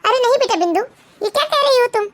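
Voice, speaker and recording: A woman's voice: very high-pitched, animated, fast talker, background noise. A woman voicing a kindly but bossy middle-aged mother-in-law in a cartoon. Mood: fond. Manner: fond, bossy. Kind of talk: Hindi cartoon voice acting.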